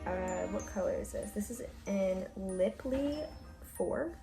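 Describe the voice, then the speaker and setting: A woman's voice: mid-range voice, animated, takes it slowly, creaky, warm tone. A young woman talking casually to her viewers in a vlog, full of "like" and fillers. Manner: chatty, filler-heavy, says "like" often. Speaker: vlogger. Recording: music playing underneath.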